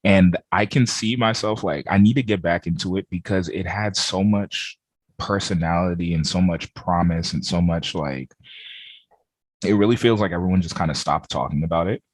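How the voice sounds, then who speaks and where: A man co-hosts a gaming podcast over a remote call, his low voice moving at a moderate pace on a dry recording. He's relaxed and rambling, leaning heavily on "like" and other fillers.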